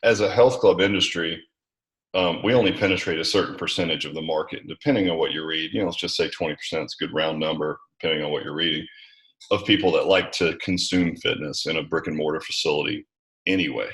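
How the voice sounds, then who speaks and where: A middle-aged American man with a deep voice answers questions in an interview. He talks at length in an informal, conversational way, sprinkling in small check-in phrases. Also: fairly bright tone, rough recording. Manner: talkative, informal, peppered with 'right' and 'you know'. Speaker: interview guest, gym franchise founder.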